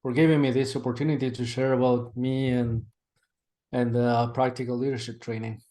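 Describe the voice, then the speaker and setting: A man from Chile with a Chilean Spanish accent, answering interview questions over a video call with halting speech and frequent restarts. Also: medium pitch, level tone, warm tone. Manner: halting, with many restarts and "like" fillers. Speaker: interview guest, seminary director.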